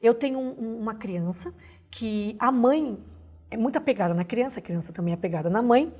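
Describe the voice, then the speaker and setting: A Brazilian woman lectures her class in a husky, slightly breathy voice. She explains patiently, step by step, and keeps tagging her sentences with quick questions to the listeners. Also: on the high side, lively intonation, dark tone. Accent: Brazilian Portuguese. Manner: explanatory, frequent "né?" tag questions. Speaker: instructor.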